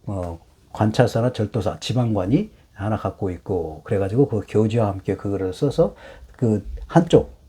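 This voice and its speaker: A middle-aged man teaching hanja in a lecture, explaining slowly with many fillers and rhetorical questions. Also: on the low side, warm tone, slightly rough.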